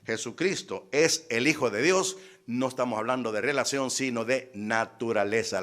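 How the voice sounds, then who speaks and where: A man's voice: medium pitch, fairly bright tone. A man preaching, telling a story and acting out both sides of a conversation with teasing emphasis. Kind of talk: sermon.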